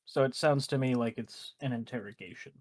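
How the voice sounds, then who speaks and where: A man's voice: mid-range voice, a little fast, darkish tone, no echo. Close, dry-miked male tabletop player. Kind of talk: casual in-game chat.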